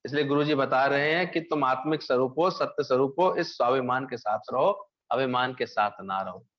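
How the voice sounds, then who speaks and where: A man delivering a devotional sermon in a storytelling way, posing questions to his listeners and then answering them himself. His voice sits at an ordinary middle pitch for a man. The recording is somewhat muffled and lo-fi. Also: moderate pace, a bit bright. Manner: storytelling preacher, asks and answers own questions. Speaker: spiritual teacher. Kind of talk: Hindi satsang discourse. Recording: dull lo-fi recording.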